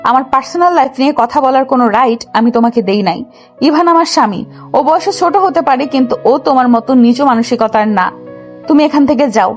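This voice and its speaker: Actress playing a firm, high-voiced older wife over soft music. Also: female voice, fairly quick, lightly acted. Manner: firm, scolding. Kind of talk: audio drama acting.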